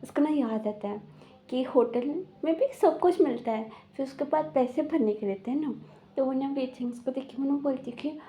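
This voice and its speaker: A woman retells a drama's story in a loose, chatty way, full of fillers and restarts. Her voice sits high and sounds very bright. She drops briefly into quoted lines as she goes. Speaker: drama recap narrator. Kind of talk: casual storytelling recap.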